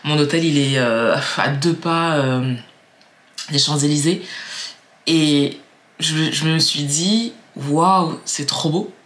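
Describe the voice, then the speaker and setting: A woman's voice: low voice, slow. A young woman from Martinique talking to camera in a casual, reflective vlog, chatty and musing, with many fillers and repeated words. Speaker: vlogger.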